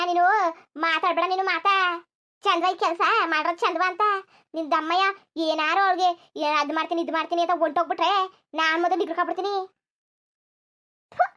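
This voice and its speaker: A woman's voice: very high-pitched, fast, pauses often, bright, forceful tone. A woman voicing a grieving, bitter middle-aged village mother in a cartoon, lamenting and scolding between sobs. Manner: lamenting, scolding, sobbing in bursts. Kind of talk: cartoon dubbing.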